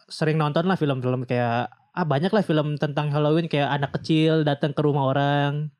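A man's voice: a little high, steady tone, moderate pace, a little mellow. A man, co-hosting a casual podcast. He talks playfully and chattily and laughs easily. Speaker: podcast co-host. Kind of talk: casual chat.

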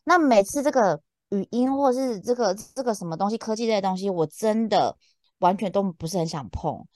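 A woman with a Taiwanese accent co-hosting a podcast in casual chat, expressive and often exclaiming in amazement. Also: medium pitch, a little fast, no room sound, clean studio sound. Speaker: podcast co-host.

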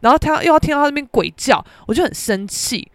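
A young woman with a Taiwanese Mandarin accent, hosting a podcast and telling a story in an animated, exasperated way. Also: high voice, fast talker, dry recording. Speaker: podcast host. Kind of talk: casual storytelling.

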